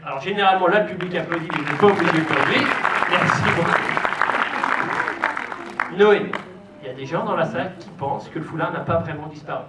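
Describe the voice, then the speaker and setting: High-pitched man, kids' party magician in echoey hall. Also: fairly quick, long pauses, over a noisy crowd. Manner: theatrical showman, playful teasing, coaxing children and audience. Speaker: stage magician hosting a children's magic show. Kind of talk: live kids' party magician patter to children and families. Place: show venue with a stage and live audience. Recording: echoey hall, distant mic, noisy audience.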